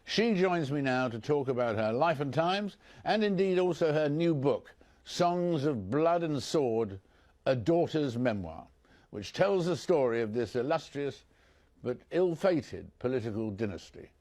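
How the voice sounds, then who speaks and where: A man's voice: mid-range voice, animated, unhurried, a little mellow. A male interviewer who introduces his guest and asks long questions, often repeating words as he frames them. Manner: hesitant, repeats words while framing questions. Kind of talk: broadcast interview.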